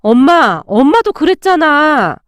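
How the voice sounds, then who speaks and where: A woman's voice: high-pitched, very animated, unhurried, dry recording, clean studio sound. Woman doing a frank young daughter. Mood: chiding. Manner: frank, chiding.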